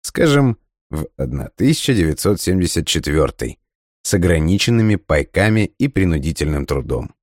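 A man narrating a story in the first person with a steady, measured delivery. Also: a bass voice, no echo, studio quality. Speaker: audiobook narrator.

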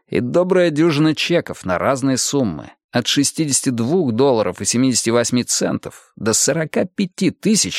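A man reading a first-person audiobook in a measured, expressive way. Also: medium pitch, no echo, studio quality. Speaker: audiobook narrator.

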